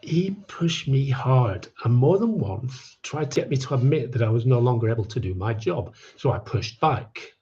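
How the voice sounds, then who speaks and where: A man's voice: medium pitch, lively intonation, normal speed, few pauses, a little mellow, muffled recording. A man telling his own life story to an audience, with wry, self-mocking asides. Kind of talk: personal storytelling talk.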